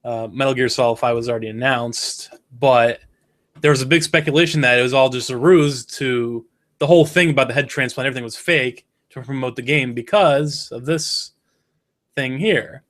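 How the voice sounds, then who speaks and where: A man's voice: medium pitch, moderate pace, fairly bright tone. A man co-hosting a casual web show, talking in a loose, rambling way. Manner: rambling, trails off with fillers. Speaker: co-host. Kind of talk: casual chat.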